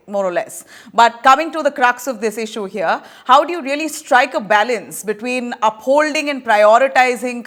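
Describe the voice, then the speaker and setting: Indian english accent lady, news anchor interviewing a guest, voice a bit on the high side. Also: a bit bright.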